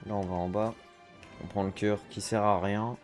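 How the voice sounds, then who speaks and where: A man's voice: lowish voice, little pitch movement, normal speed, a little mellow, soft background music. A man giving chatty let's-play commentary as a gaming streamer, reacting aloud to the game and dropping English slang.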